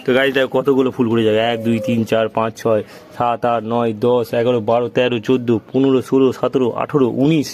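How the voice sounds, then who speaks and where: A man's voice: medium pitch, little pitch movement, fast, darkish tone, a little hiss or hum, poor audio. A man hosting a casual family vlog, chatting to viewers and coaxing small children while walking around his home and rooftop. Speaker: vlogger.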